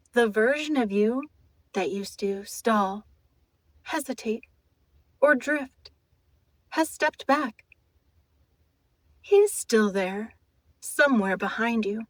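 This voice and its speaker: A woman leading a guided hypnotic trance in a soft, intimate, mesmerizing manner, soothing, deliberate and gently commanding. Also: fairly high pitch, no echo.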